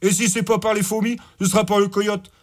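A man voicing a slow-witted, mocking male thug henchman in an audiobook, with slangy speech. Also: high voice, fairly even intonation, pitched above the performer's own voice, close to an everyday voice. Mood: taunting.

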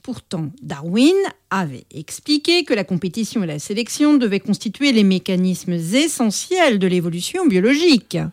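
A woman hosting a radio programme, speaking in an articulate, measured and expository way as she reads and interviews. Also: medium pitch, very animated, no room sound, studio quality. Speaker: radio host. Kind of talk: reading a book extract aloud and interviewing a guest.

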